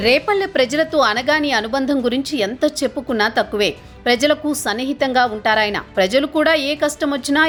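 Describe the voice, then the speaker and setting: Lady reading a news piece, kinda high voice, formal, faint music behind. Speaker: news narrator. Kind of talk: scripted news voice-over.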